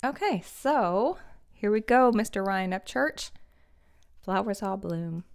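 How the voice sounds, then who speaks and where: A woman's voice: mid-range voice, animated, slow pace, vocal fry. Chatty woman reacting to music. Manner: enthusiastic, chatty, laughs often. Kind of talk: casual reaction commentary. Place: small decorated home room with string lights. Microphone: studio condenser mic on stand.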